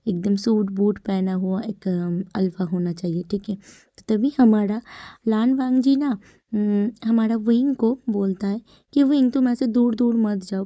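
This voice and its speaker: A woman casually recaps a romance drama in a chatty way, with lots of fillers and little check-in questions. Her voice is very dark and mellow. The recording is dull and dry. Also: medium pitch, no room sound.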